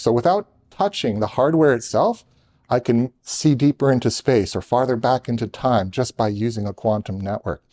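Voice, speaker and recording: A man's voice: medium pitch, a little mellow. A man presenting a technical talk to a live audience in a conference room, hurrying with restarts and joking asides to the room. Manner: rushed, talking fast with restarts.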